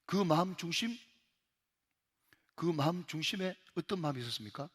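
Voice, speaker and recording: A man's voice: fairly high pitch, lively intonation, moderate pace, fairly bright tone, breathy edge, big-room sound. A male pastor with a Gyeongsang accent preaching an emphatic sermon in a church, repeatedly calling out to the congregation. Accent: Gyeongsang Korean. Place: church sanctuary.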